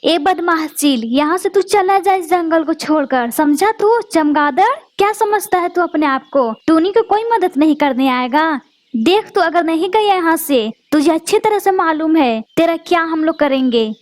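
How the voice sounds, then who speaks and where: A woman's voice: very high voice, animated, moderate pace. Woman voicing a proud, scolding cartoon pigeon. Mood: fierce scolding. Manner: bossy, scolding. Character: proud female pigeon, haughty then fierce.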